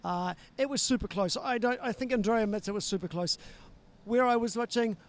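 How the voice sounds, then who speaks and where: A man's voice: very high voice, a little fast. A man co-hosting a live outdoor event at night, talking enthusiastically with emphatic repetitions. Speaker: event co-host. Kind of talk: live event commentary and interview.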